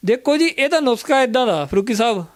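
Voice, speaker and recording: A man with a high voice speaks quickly in a dry, close recording. He is an herbal remedy practitioner giving a health interview. He talks in an animated way and acts out what his patients say. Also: no room sound.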